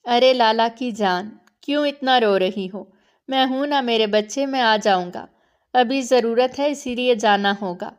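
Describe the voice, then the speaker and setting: A woman voicing a gentle protective elder brother. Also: on the high side, clean tone, lightly acted. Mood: soothing.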